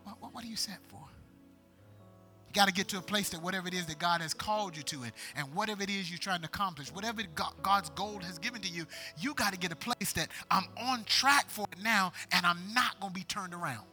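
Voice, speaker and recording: A man's voice: high-pitched, fast talker, few pauses, faint music behind. A middle-aged man pastor preaching a call-and-response sermon, urging the congregation to answer him and building to emphatic peaks. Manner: rising to emphatic, shouted peaks.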